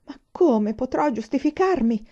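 Frightened storybook jailer, high whining plea, mellow tone, dull lo-fi recording; a woman voices him. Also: animated, slow pace, full character voice. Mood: pleading. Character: frightened pleading male jailer.

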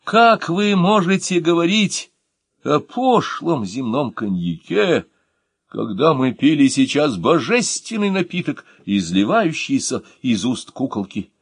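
A man voicing an excitable male poet who shrieks in a pompous, exalted way, in an audiobook. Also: on the high side, takes it slowly, slightly rough, no echo, studio quality, heavily acted.

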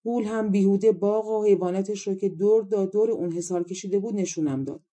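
A woman narrating a fairy tale audiobook, reading calmly and voicing each character in turn. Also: mid-range voice. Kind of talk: storybook narration.

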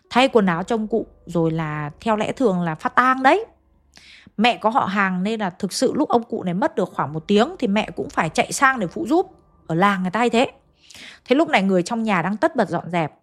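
Chatty woman telling ghost stories. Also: mid-range voice. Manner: chatty, addresses listeners directly. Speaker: storyteller. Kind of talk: oral ghost story narration.

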